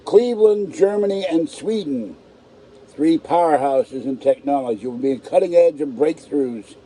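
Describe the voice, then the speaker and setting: A man's voice: a little high, measured pace, mellow, breathy edge, rough recording. A man with a natural lisp and no upper teeth, his tongue hitting the roof of his mouth, talking bluntly and casually on a live stream. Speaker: livestream host. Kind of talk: casual live stream chat, reading aloud and commenting.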